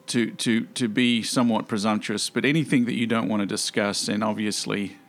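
A man's voice: lowish voice, steady tone, brisk. A man hosting an interview, affirming and admiring toward his guest. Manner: warm, admiring, affirming listener. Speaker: podcast host, interviewer. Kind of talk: interview conversation.

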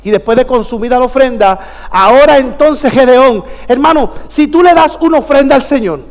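A man's voice: extremely high pitch, lively intonation, moderate pace, long reverb tail. A man preaching a fervent sermon as pastor, calling out to the congregation in a church.

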